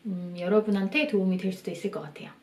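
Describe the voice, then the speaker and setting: A young woman in a casual lesson vlog, chatting and slowly sounding out English phrases as examples. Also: mid-range voice, fairly even intonation, echoey room, far from the mic. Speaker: English tips vlogger. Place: small room.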